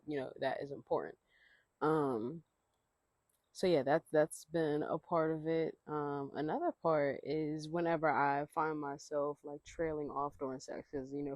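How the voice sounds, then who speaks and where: A podcast host talks off the cuff while sitting outdoors, wandering from thought to thought. The delivery is chatty and slangy, with easy little laughs between points. The pitch sits in a middle range, and the voice comes through dry with no room around it. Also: no room sound. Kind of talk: casual solo podcast talk.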